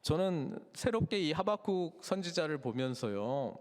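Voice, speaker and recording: Animated high-voiced male pastor in reverb. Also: measured pace. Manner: animated preaching with rhetorical questions to the congregation. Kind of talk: sermon. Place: church sanctuary.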